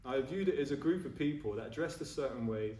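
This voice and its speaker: A man's voice: medium pitch, expressive, brisk, darkish tone. Forties guy chatting about buddhism to a group, keeps saying yeah?, sounds far off in a big echoey room with faint background hum. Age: 40s. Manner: chatty and self-mocking, keeps checking in with "yeah?". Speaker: ordained Buddhist speaker giving a talk. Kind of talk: informal dharma talk to a group. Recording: roomy echo, voice from a distance.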